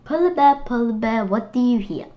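A woman reading a picture book aloud for children in an expressive, playful way, sometimes halting on words. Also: a little high. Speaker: children's read-aloud host. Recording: dull, lo-fi sound.

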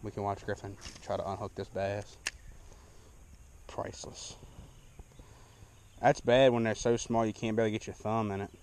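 This young fishing vlogger speaks in a fairly low, darkish, flat voice at a moderate pace with long pauses, and there's a little hiss or hum. Fishing from a small lake boat, he chats casually and pokes fun at himself, picked up by an action camera mic.

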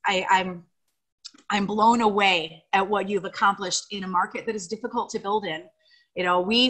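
A woman's voice: medium pitch, a bit bright, rough recording. Gushing American woman on a video call. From United States. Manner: gushing, emotional, rambling with fillers. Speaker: guest speaker on video call. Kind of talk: heartfelt tribute speech.

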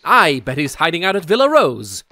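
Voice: mid-range voice, huge pitch swings, normal speed, bright, forceful tone, exaggerated voice. A performer voicing a cocky, breezy young adult male gander in a cartoon comic dub. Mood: eager, cocky. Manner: breezy, exclaiming. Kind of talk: amateur comic dub acting.

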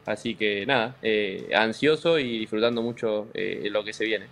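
A man with an Argentine accent, a racing driver being interviewed, talking in a relaxed, joking way with many fillers and restarts. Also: lowish voice, normal speed, gravelly. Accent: Argentine Spanish. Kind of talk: casual interview chat.

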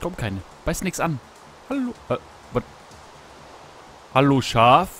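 A man casually commenting on his gameplay while fishing, talking to himself, greeting animals in the game, and yelping excitedly at each catch. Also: medium pitch, takes it slowly, slight background noise. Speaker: Let's Play host. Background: background game music.

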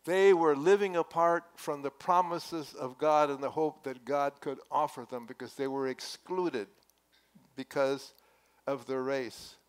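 A man's voice: a little high, fairly even intonation, measured pace, clean tone. An older man preaching a sermon in a church sanctuary, speaking earnestly and conversationally with emphatic rises, through a headset mic. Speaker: pastor. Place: church sanctuary at a wooden pulpit.

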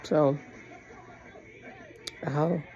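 Slow gravelly woman talking through new dentures. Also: low-pitched, steady tone, warm tone, a faint crowd, rough recording. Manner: plainspoken, chatty, thankful. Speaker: vlogger sharing a personal journey. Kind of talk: casual video diary.

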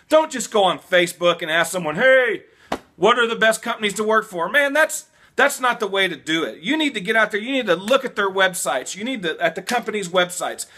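A man, giving casual trucking advice to camera in an animated way, stopping and restarting often, in a small room at home. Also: sits high, a little hiss or hum. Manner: animated, gestures a lot, repeats and restarts. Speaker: vlogger, new truck driver.

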